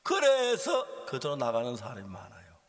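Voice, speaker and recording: A male pastor preaching a sermon, telling stories dramatically and dropping from shouts to hushed whispers. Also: medium pitch, wildly swooping pitch, moderate pace. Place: large church or seminar hall. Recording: long hall reverb.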